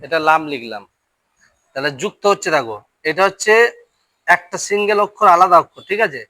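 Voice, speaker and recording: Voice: mid-range voice, expressive, a little fast, pushed and bright, no echo. A teacher giving a Quran reading lesson, sounding out letters and syllables and often asking students whether they will remember. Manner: drills syllables aloud, often checks understanding. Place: classroom with a board.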